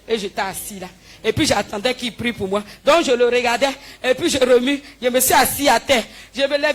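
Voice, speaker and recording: Animated woman giving testimony. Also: fairly high pitch. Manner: animated storytelling, acting out dialogue with the pastor. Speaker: church member giving a healing testimony. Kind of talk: spoken testimony before a congregation.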